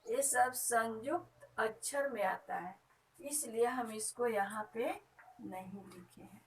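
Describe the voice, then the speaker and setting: A woman's voice: fairly high pitch, slow pace, recorded from a distance, slight background noise, poor audio. A woman teacher giving a grammar lesson to young children, reciting letters one by one and asking the pupils questions.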